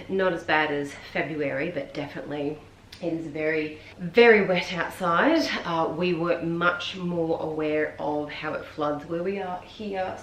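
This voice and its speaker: An Australian woman chatting casually with viewers while folding laundry at home, rambling with lots of ums and sounding a little hoarse and tired. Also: on the low side. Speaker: vlogger. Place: room at home. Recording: echoey room with faint ambient noise.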